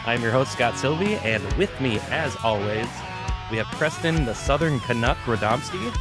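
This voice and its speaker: A man's voice: medium pitch, lively intonation, normal speed, loud music behind the voice. A man from Minnesota with a Minnesotan accent, hosting a casual podcast chat and joking often. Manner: jokey, laughs often. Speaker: podcast host.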